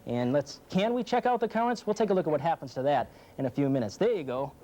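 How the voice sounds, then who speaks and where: Higher-pitched chatty TV weatherman. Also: lively intonation, quick pace, dark tone. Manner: informal, chatty patter. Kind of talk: live folksy demonstration and forecast. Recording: faint background noise.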